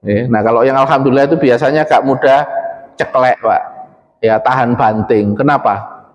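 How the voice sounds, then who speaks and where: A man's voice: medium pitch, normal speed. A man with an East Javanese accent preaching in a mosque, talking conversationally and addressing the congregation directly with frequent questions. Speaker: Islamic preacher. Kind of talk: mosque sermon. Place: mosque hall. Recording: long hall reverb.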